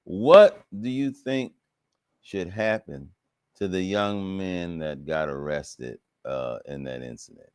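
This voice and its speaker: A man hosting a live Q&A chat, asking questions in a halting way as he searches for his words. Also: low voice, a little mellow, clean tone, dry recording, clean studio sound. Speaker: host.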